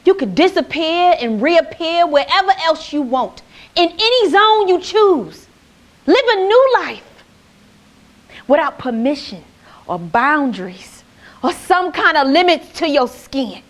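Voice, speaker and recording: A woman's voice: high-pitched, animated, measured pace. A woman playing an intense young woman who speaks with urgency. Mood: urgent.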